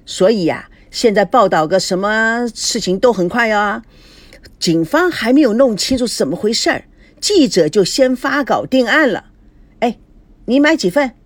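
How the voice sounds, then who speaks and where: A woman voicing a loud, excited male newsstand vendor. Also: a little high, no echo. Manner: loud, pushy hawking.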